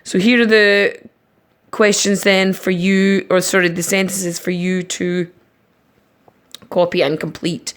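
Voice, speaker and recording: A woman teacher giving a recorded online lesson, patiently explaining each step slowly. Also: lowish voice, little pitch movement. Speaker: primary school teacher.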